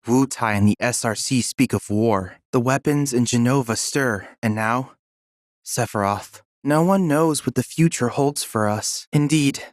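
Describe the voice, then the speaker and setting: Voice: mid-range voice, no room sound, studio quality, natural voice. An actor voicing Chadley, a polite and eager young android boy researcher in a video game, speaking in a formal, precise, earnest way. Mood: grave. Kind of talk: video game character dialogue.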